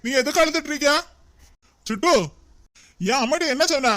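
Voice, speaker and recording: A cartoon young man, played by a performer with a very high voice and a Kanyakumari Tamil accent. He soothes and pleads with his mother and turns firm with his wife, a dutiful son stuck in the middle. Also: normal speed, a bit bright. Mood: pleading. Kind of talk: cartoon voice acting.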